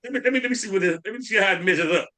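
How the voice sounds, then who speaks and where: A man's voice: high voice, racing, bright, forceful tone. Laughing man telling a rambling story. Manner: laughs often, rambling storyteller with filler words. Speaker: podcast co-host. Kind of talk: casual storytelling among friends.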